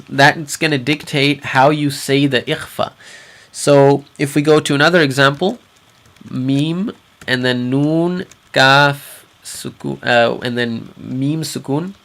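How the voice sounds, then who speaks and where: A man teaching a recitation class, patiently explaining and slowly repeating sounds for his students. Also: on the high side, gravelly, a bit bright. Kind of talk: explanatory lesson.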